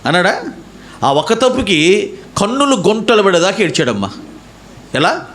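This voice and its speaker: A man's voice: high-pitched, very animated, normal speed, a bit bright, a little hiss or hum. A man preaching a sermon as a pastor, asking rhetorical questions and acting out people's prayers. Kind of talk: Telugu sermon. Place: church.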